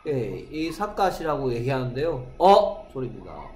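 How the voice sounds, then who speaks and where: A man's voice: mid-range voice, sing-song, moderate pace, a little mellow, slight background noise. A Korean-speaking man teaching middle school English in a classroom, drilling pronunciation and often checking that students follow. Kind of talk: classroom lecture. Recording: echoey classroom.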